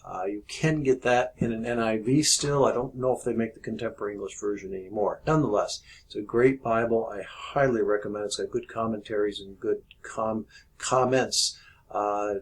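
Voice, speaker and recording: A man, a pastor, giving a relaxed video devotion, explaining as he goes with many ums and uhs. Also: on the low side, moderate pace, slightly rough, poor audio.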